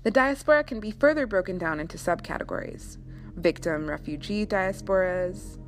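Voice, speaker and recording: A woman reading a scripted essay narration about cinema in a measured, deliberate academic manner. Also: mid-range voice. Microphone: voice-over. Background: music.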